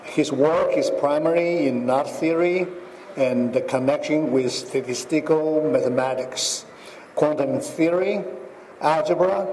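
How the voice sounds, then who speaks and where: A man introducing a keynote speaker at a hotel conference, halting, with many uhs and throat clearing. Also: a little high, a little mellow. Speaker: session chair introducing speaker. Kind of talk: formal introduction. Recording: reverberant hall, faint background noise.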